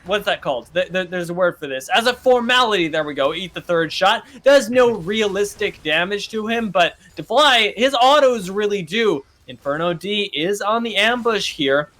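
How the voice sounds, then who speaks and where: A man with a high, bright, forceful voice calls a live esports match play-by-play. He talks fast through the action and gets much louder when the fights break out. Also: animated. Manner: rapid play-by-play that climbs to shouting at big plays.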